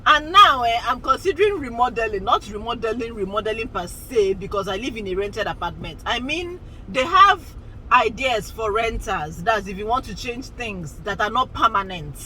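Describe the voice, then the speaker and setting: Chatty lady, 40s, bright ringing voice, rambles along and laughs a lot. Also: on the high side, expressive, normal speed, slight background noise, poor audio. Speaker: vlogger. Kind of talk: casual chat to camera.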